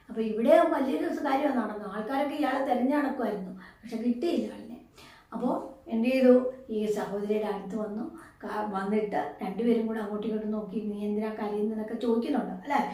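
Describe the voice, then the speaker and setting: A woman teacher with a somewhat high, mellow voice, talking through a story lesson. She keeps asking her pupils questions and answers them herself. She is heard from some distance in a very echoey room. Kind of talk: explaining a story lesson to a class.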